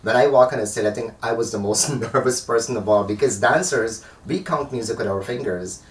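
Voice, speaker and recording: A man's voice: medium pitch, fairly quick. A man from Guyana, a dancer, chatting as an interview guest and telling stories with animation. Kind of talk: casual interview chat. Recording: echoey room, far from the mic, faint noise.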